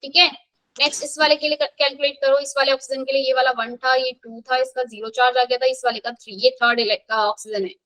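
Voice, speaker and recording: Brief: high-pitched woman, brisk classroom chemistry teacher, quizzing and counting aloud. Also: level tone, pushed and bright, poor audio. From India. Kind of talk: live classroom revision lesson.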